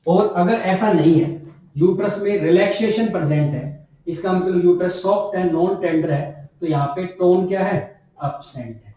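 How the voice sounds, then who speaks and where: In an echoey room with a distant mic, a male nursing tutor delivers a classroom lecture. His high voice is warm and moderately paced, and he keeps repeating key terms and answering his own questions.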